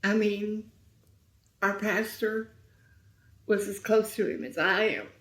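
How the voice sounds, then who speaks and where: A middle-aged woman telling a painful story as an interview guest, speaking softly and sometimes near a whisper. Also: medium pitch, fairly even intonation, takes it slowly. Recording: roomy echo.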